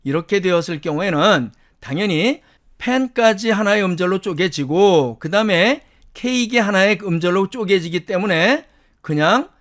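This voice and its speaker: Bright-voiced Korean man teaching pronunciation. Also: high-pitched, expressive, normal speed. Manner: explains step by step, repeats example words in English. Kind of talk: recorded lecture.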